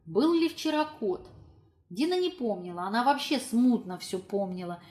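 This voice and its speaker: A woman narrating a literary audiobook in a measured, expressive storytelling manner. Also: a little high.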